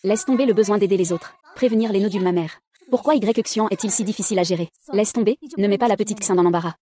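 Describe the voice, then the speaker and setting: A woman reading out a dubbed drama, giving every character the same even voice. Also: medium pitch, fast talker. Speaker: narrator voicing every character. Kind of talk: fast dubbed drama read-through.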